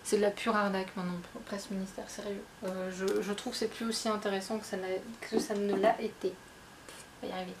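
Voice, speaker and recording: A woman's voice: mid-range voice, level tone, fast, a little hiss or hum. A woman talking casually about her books to her viewers, chatty and self-mocking with lots of fillers and restarts. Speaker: book vlogger. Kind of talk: casual chat.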